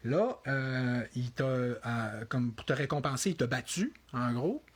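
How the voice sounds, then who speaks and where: A man with a Quebec French accent hosts a casual interview. His voice is somewhat husky, and he rambles, circling back with fillers and restarts. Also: medium pitch, a little slow. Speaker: interview host.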